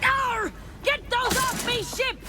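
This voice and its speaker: Gruff, high-pitched old-salt pony captain. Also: female voice, slow. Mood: indignant. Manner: gruff old sailor talk, theatrical, piratical. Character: hammy old-time sea-captain cartoon pony, woman, gruff and ominous. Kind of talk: animated cartoon dialogue. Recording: loud music behind the voice.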